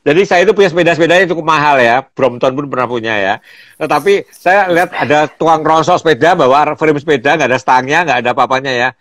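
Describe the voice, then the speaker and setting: An older man from Indonesia chatting casually, telling lively stories and often laughing. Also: on the high side, fast talker, no echo. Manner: animated storyteller, laughs often, acts out quoted voices. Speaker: photographer and guest. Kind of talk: casual storytelling chat.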